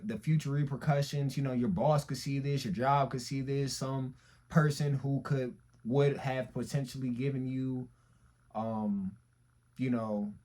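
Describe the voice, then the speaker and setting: A young man vlogging, telling a personal story in slangy, emphatic talk that swings between loud outbursts and quiet asides. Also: mid-range voice. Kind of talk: casual storytelling monologue.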